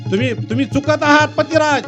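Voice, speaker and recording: A male preacher voicing a young wife who loudly begs her husband to stop, stammering in alarm. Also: very high-pitched, brisk, lo-fi sound, over music, voice pushed up. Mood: pleading. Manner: loud, urgent, stammering pleas. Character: pleading young wife of a drunkard.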